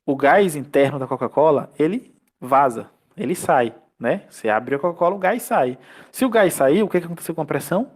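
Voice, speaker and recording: A Brazilian man teaching a chemistry class online, explaining step by step with rhetorical questions and quick checks for understanding. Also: fairly high pitch, animated. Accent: Brazilian Portuguese. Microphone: computer mic on a video call.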